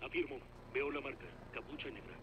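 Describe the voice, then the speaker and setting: A man's voice: medium pitch, fairly even intonation, brisk, lo-fi sound, background noise. A man voicing a terse male soldier who reports in clipped military talk over a helmet radio, in a video game dub. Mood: steady. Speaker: soldier on a mission.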